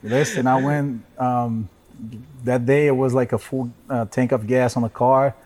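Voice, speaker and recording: A male interview guest from Brazil with a dark, relaxed voice of middle pitch. He talks casually and haltingly. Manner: hesitant, halting. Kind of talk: casual chat.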